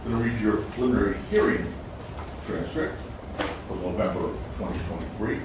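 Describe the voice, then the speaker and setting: A man cross-examining a witness as a lawyer in court, deliberate and insistent. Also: lowish voice. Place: large indoor courtroom. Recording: noisy, very echoey courtroom, distant mic.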